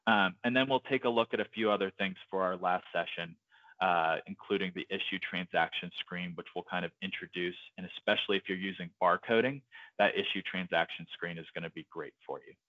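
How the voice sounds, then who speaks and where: A man leads a live software tutorial in a casual, hesitant way, often pausing on fillers. His voice sits low. The video call audio is dry and dull. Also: fairly even intonation, dry recording. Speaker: software trainer.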